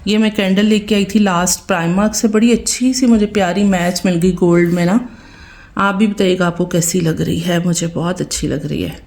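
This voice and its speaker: A woman from Pakistan with a Pakistani Punjabi accent, hoarse and tired, chatting to viewers in a home vlog voice-over. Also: on the low side, steady tone, moderate pace, a little mellow. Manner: chatty, addresses viewers directly, asks their opinion. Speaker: vlogger.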